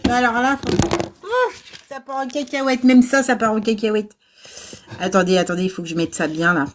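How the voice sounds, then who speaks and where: A woman's voice: on the high side, normal speed, slight background noise. A middle-aged woman hosting a casual livestream from an old house, chatty and self-mocking, laughing often and filling with hesitations. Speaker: nursing-assistant VAE coach and livestream host. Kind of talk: casual livestream chat with viewers. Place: old house without air conditioning.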